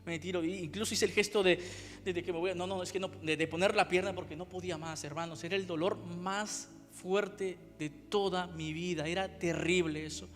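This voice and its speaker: Emotional high-voiced Spanish preacher. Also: male voice, fairly even intonation, normal speed, big-room sound. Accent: Spain Spanish. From Spain. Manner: emotional, repeats phrases, reenacts his own cries. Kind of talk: sermon testimony. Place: church.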